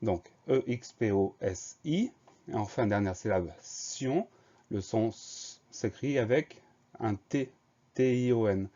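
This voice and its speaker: A man's voice: lowish voice, slow pace, dark tone. A man teaching a spelling lesson, patiently explaining rules and spelling words letter by letter. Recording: dull lo-fi sound.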